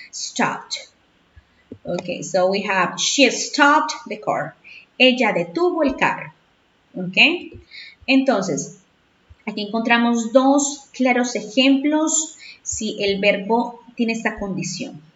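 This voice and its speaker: Slow, echoey woman teaching English. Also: medium pitch, animated. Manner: patient, checks in with "¿ok?" often. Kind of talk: bilingual grammar lesson. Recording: echoey, distant, dull lo-fi sound.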